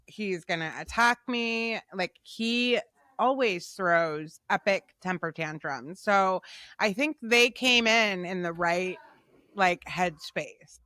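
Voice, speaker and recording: A woman's voice: mid-range voice, takes it slowly, bright, forceful tone, no room sound, studio quality. A young woman co-hosting a casual recap podcast, giving emphatic, opinionated takes. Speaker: podcast co-host.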